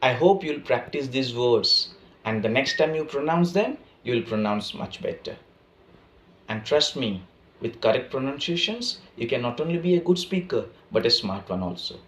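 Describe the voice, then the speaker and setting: A man's voice: mid-range voice, expressive, normal speed, fairly bright tone. A man from Odisha with an Odia accent and Odia as his first language, giving a spoken English pronunciation lesson and mixing in Hindi. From Odisha, India. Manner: mixes Hindi into English, repeats "right?". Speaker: English teacher.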